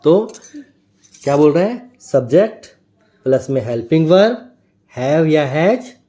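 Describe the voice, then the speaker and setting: Man teaching grammar with a dark voice. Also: fairly high pitch, sing-song, a little slow. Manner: explains step by step, checks with a tag question. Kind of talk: grammar lesson.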